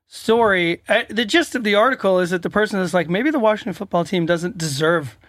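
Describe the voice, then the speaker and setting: A man in his forties co-hosting casual chat, measured and reading from article notes. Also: high-pitched, fairly bright tone, no echo. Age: 40s. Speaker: podcast co-host.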